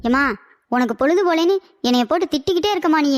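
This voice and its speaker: A woman's voice: high-pitched, animated, rapid-fire, slight background noise. A woman voicing a foolish, henpecked older husband in a cartoon comedy, whiny and lovesick. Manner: whiny, pleading, dreamy.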